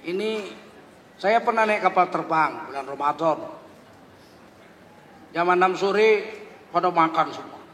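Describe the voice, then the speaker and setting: A man with a notably high speaking voice delivers a sermon. He tells a funny anecdote and acts out both sides of the dialogue. His voice rings through a long hall reverb over a faint background hiss. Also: unhurried, long pauses, a bit bright. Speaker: Islamic preacher. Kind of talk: humorous sermon storytelling.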